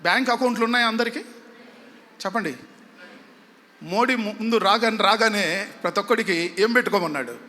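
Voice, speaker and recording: A man's voice: high voice, fairly quick, pauses often, pushed and bright. A man pastor preaching a sermon, dramatic and repetitive, calling on the congregation to answer back. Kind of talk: Telugu sermon with call-and-response. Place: large church hall. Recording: long hall reverb, faint background noise.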